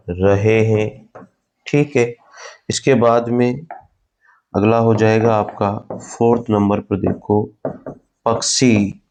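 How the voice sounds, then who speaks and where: A man teaching a Hindi grammar class online, slowly dictating notes, repeating key words and answering his own questions. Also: mid-range voice, a little mellow, slight background noise. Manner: asks the class questions and answers them himself.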